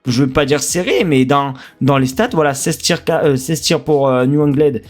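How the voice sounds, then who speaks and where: A man's voice: on the high side, moderate pace, faint music behind. A man from France with a French accent, casually previewing a football match as a streamer, chatty and hesitant with many fillers.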